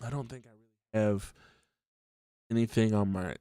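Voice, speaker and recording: Alone at home and just out of bed, a man hosts his own podcast, rambling casually with plenty of ums and false starts and sounding a bit stuffy from allergies. His voice sits lowish and smooth, mellow at a normal pace, and the studio-clean recording has no room sound.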